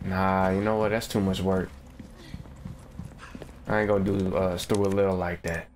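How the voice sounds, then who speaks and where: A young gaming streamer with a low voice talks a little slowly over a noisy background. Sitting at his home setup with a webcam, he gives let's-play commentary that's loose, profane, slangy and excitable.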